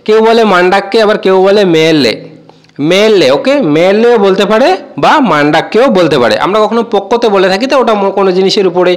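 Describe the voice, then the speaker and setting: A man giving a casual spoken language lesson, repeating each word slowly and addressing viewers as friends. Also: sits high. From Bengal. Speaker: language teacher.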